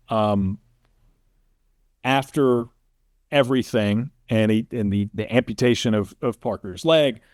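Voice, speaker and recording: This man, who works as a sports announcer, sits in as an interview guest and shares stories informally, often pausing to check with his listener. He has a lowish, darkish voice, captured in studio quality without any room sound.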